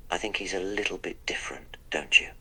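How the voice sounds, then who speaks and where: A man's voice: sits low, fairly quick, sharp tone, breathy edge, heavily acted, low-quality recording. A man voicing the Doctor, a wry, polite eccentric time traveller, in a text-to-speech role-play that narrates his own actions.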